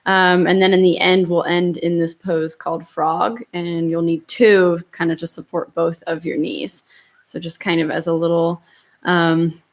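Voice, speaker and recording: Female yoga teacher, mid-pitched, informal and chatty, addressing an online class off the cuff. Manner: informal, conversational, hedging with "kind of". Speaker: yoga and meditation instructor. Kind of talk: casual chat to an online class.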